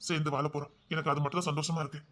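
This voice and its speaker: An actor playing a devoted husband who gently and insistently coaxes his wife, repeating himself as he pleads. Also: fairly high pitch, little pitch movement, very fast, lightly acted. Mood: tender. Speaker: husband in a drama series. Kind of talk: emotional drama acting.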